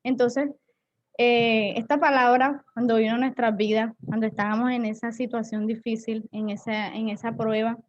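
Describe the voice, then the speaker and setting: A woman's voice: on the high side, flat delivery, normal speed, highs cut off. A woman giving an earnest church testimony, often repeating and restarting her phrases. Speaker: pastor's wife giving testimony.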